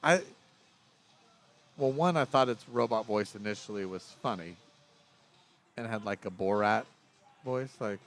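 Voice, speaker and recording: A man's voice: on the low side, measured pace, long pauses, fairly bright tone. A middle-aged man co-hosting a casual film review podcast, rambling and correcting himself as he talks. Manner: rambling, self-correcting, chuckles. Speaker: podcast co-host.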